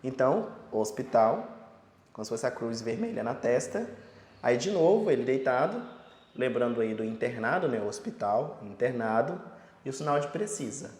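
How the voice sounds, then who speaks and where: A man teaching sign language in a casual lesson, explaining patiently with everyday examples and slowly repeating each sign word, with a Brazilian Portuguese accent. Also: mid-range voice, darkish tone. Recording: roomy echo with long reverb.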